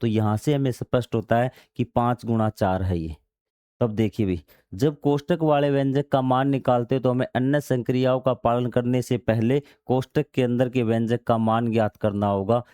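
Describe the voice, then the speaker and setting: A man's voice: mid-range voice, fairly even intonation, moderate pace, dark tone, clean tone, no room sound, clean studio sound. A man teaching a maths lesson, reading out textbook passages and then explaining them in everyday words, asking questions and answering them himself. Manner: asks questions and answers them himself, repeats key steps.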